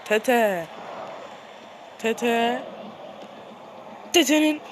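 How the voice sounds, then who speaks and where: A gamer commentating their own football video game match in a playful mock-commentator style, excitable and shouting at the players, with a sore throat. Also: medium pitch, extremely slow, slight background noise.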